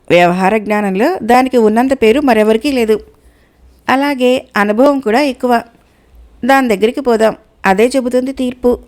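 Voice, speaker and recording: Woman storyteller, fable narration, expressive, a bit high.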